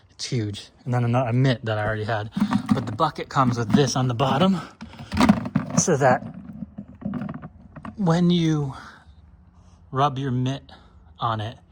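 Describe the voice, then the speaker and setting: A man vlogging outdoors as he washes his car, talking in a relaxed, rambling way with plenty of fillers. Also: medium pitch, a little hiss or hum. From northeastern United States. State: slightly out of breath. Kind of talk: casual talk while washing a car.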